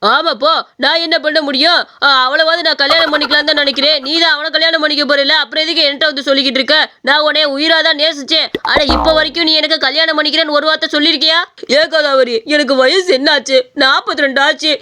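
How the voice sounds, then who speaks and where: A woman's voice: high-pitched, steady tone, fast talker, pushed and bright. A woman voicing a foolish, lovesick village bachelor in his forties who whines and pleads. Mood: complaining. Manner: pleading, whiny, easily fooled. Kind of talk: cartoon voice acting.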